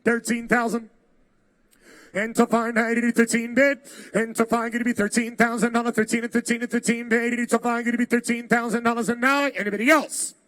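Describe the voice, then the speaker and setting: A man's voice: extremely high pitch, little pitch movement, brisk, fairly bright tone, no echo. A man working as an auctioneer, calling bids in a rolling, repetitive chant of numbers. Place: live car auction.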